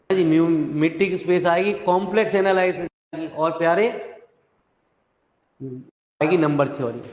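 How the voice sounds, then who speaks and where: A male math teacher, lecturing in a chatty way and calling the students "dear children". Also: a little high. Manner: chatty, calls students "dear children", mixes English terms. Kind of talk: classroom lecture. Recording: echoey, dull classroom recording.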